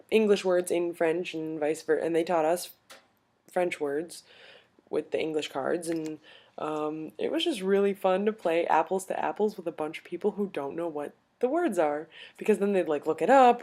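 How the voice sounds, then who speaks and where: A woman's voice: on the low side, a little mellow. Give me a young woman from upstate New York telling a rambling vlog story. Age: 20s. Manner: rambling, many fillers and restarts. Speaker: vlogger.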